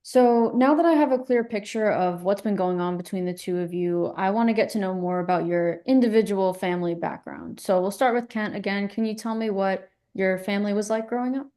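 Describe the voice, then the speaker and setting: Calm, mellow woman therapist, role-played. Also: medium pitch, lightly acted. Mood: calm, reassuring. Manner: calm, measured, gently probing questions. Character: calm, validating female couples therapist. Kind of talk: counselling role-play.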